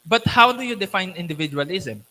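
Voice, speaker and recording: A man on a thesis panel, questioning critically in a deliberate, instructive academic manner. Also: high voice, expressive, sharp tone. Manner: deliberate, instructive, frequently checking with "okay". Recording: echoey hall with long reverb.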